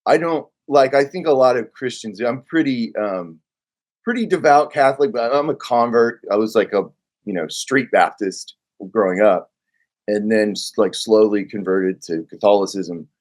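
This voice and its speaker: A man's voice: fairly low pitch, normal speed, darkish tone. A middle-aged man from Oklahoma, a guest writer talking in a casual conversation, rambling and correcting himself as he goes. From Oklahoma, United States. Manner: rambling, self-correcting, heavy on filler "like".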